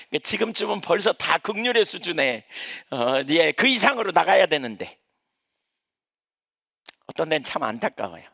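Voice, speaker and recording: A man's voice: a little high, vocal fry, bright, forceful tone, dry recording, clean studio sound. A male pastor preaching a sermon in a conversational way, asking the congregation questions as he goes.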